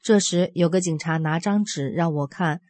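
Mellow-voiced woman in her fifties. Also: lowish voice, normal speed, no echo. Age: 50s. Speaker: religious practitioner sharing a testimony. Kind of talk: reading a personal account aloud.

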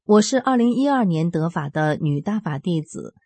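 Mellow-voiced woman in her fifties. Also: lowish voice, expressive, normal speed, no echo. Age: 50s. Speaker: religious practitioner sharing a testimony. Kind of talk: reading a personal account aloud.

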